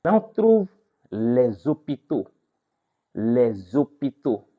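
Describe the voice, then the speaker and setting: A male teacher walks through a vocabulary lesson at an unhurried pace, in a voice of ordinary middle pitch. He puts a question to his listeners, answers it himself, then says each new word again and again so they can copy the pronunciation. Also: sing-song, phone-quality sound. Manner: repeats each word slowly for drilling; asks the class questions, then answers them. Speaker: English teacher.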